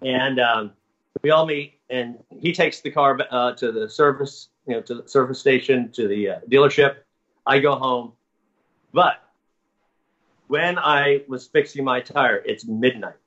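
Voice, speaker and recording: A man talking as an interview guest, winding through his story with restarts and corrections. His tone is bright and forceful. The recording sounds muffled and lo-fi. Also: medium pitch, a little slow. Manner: rambling, self-correcting narration. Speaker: guest recounting experiences. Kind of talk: casual storytelling. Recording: dull lo-fi audio.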